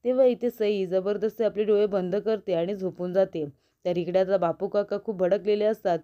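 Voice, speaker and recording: A woman's voice: mid-range voice, moderate pace, muffled recording. Woman narrating a TV serial recap. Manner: steady retelling that carries on straight into each character's quoted lines. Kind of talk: storytelling recap of a TV serial, reading out every character's lines.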